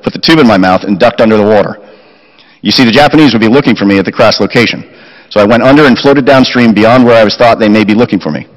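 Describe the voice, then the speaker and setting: Fast-reading man at a chapel lectern. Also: lowish voice. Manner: steady reading with quoted recollections. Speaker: chapel speaker. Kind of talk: reading a family war story aloud. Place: school chapel, indoors. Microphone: lectern mic. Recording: chapel reverb.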